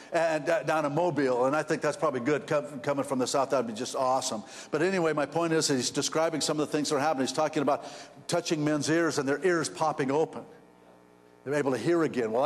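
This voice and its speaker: A fairly high-voiced man preaches a sermon, telling stories that build in excitement while he stumbles and repeats words. His voice rings with the long reverb of a church hall. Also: quick pace. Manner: rambling, repeats words, storytelling with rising excitement. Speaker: pastor.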